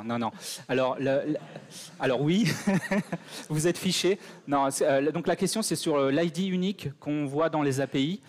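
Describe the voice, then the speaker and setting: A man with a French accent answers questions from the audience after his conference talk. His voice sits at an ordinary middle pitch, and he hesitates a lot, restarting sentences as he thinks. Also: darkish tone. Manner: hesitant, many fillers and restarts. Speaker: conference speaker. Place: conference hall.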